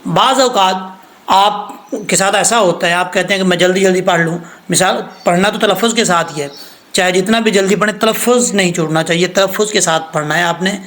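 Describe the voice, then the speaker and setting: A man teaching Quran tajweed patiently, breaking into slow recitation of verses. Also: sits high, a bit bright. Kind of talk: recorded recitation lesson.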